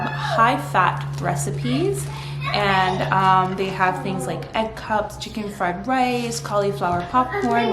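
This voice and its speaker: A woman in her thirties chatting casually and upbeat to camera at home, rambling through asides. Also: medium pitch. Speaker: vlogger. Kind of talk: casual vlog chat. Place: home kitchen. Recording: echoey home room with faint noise.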